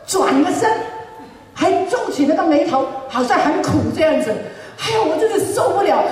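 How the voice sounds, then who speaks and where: Animated woman preacher in an echoey hall. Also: very high-pitched. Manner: animated, laughing storytelling. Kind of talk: testimony sermon. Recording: echoey hall, mic far off.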